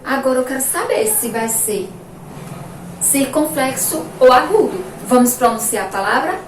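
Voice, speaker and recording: A Brazilian woman teacher giving a remote lesson to young children, drawing out each word slowly as she pronounces it. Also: high-pitched, very animated, slight background noise. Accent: Brazilian Portuguese. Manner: slow, drawn-out pronunciation of words for children. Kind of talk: remote primary-school lesson. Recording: echoey room, voice from a distance.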